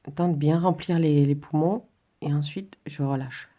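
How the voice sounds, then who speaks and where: Woman instructor for a relaxation drawing tutorial: very mellow, dark tone, a little husky, informal, pausing mid-phrase. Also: low voice, steady tone. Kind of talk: informal spoken tutorial, demonstrating while talking.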